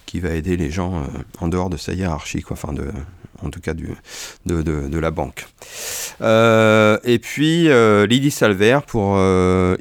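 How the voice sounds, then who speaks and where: Deep-voiced guy, smooth voice, lots of ums and restarts. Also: dry recording. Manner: hesitant, many fillers and restarts. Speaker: bookseller.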